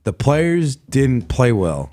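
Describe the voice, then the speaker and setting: A man's voice: mid-range voice, sing-song, slow, dark tone. A man co-hosting a casual sports talk show, blunt and opinionated about his team. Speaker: co-host.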